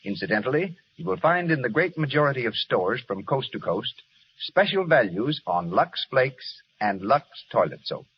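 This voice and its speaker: A man's voice: medium pitch, big pitch swings, moderate pace. A man announcing on an old radio broadcast in a formal 1930s style, reading credits and sponsor messages. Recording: dull old radio broadcast, faint hiss.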